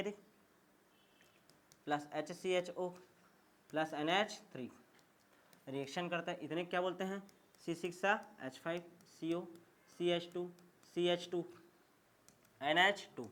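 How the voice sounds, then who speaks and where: Casting note: male chemistry teacher, slightly high voice, repetitive call-and-response drilling. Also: fairly bright tone. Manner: call-and-response drilling, repeats questions and answers; emphatic, checks understanding often. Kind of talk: classroom lecture.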